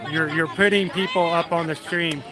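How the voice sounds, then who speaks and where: A middle-aged man from South Georgia with a deep Southern accent, chatting casually and folksily as he hosts a livestream. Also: fairly even intonation, moderate pace, crowd noise. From South Georgia, United States. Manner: chatty, folksy, greets viewers by name. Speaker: livestream host. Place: outdoors in a busy theme park.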